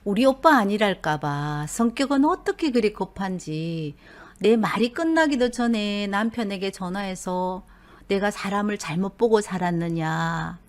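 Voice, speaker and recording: A woman's voice: mid-range voice, expressive, measured pace. Middle-aged woman telling a personal story. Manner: confiding, conversational.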